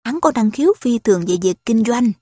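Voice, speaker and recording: A woman's voice: fairly high pitch, expressive, a little fast, warm tone, husky, no echo, clean studio sound. A woman reading the part of a coaxing adult male slave trader in a spoken story, pressing his sales talk.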